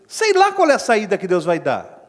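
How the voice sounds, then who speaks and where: A man with a Brazilian accent preaching a sermon as pastor, telling a story in an animated way and acting out what people said. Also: sits high, normal speed. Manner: animated storytelling preacher, acts out quoted speech. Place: church hall. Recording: echoey church hall with long reverb.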